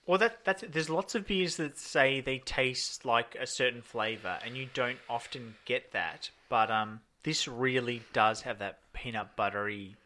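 A man's voice: medium pitch, measured pace, few pauses, pushed and bright. A young man co-hosting, chatting casually and rambling jokily as he reviews drinks. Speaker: show co-host. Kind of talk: casual chat, beer reviewing.

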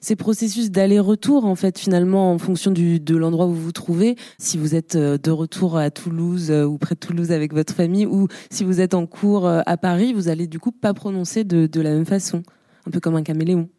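A woman hosts the interview, building her questions slowly with small hesitations. Her tone is mellow and rather dark. The recording is dry and close. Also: fairly low pitch, steady tone, no echo. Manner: thoughtful, hesitant phrasing. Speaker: host.

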